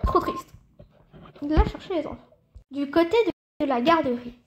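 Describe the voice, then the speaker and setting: A woman's voice: sits high, brisk, background noise. A woman casually narrating scenes of a role-play with toy figures. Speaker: storyteller playing with toy figures.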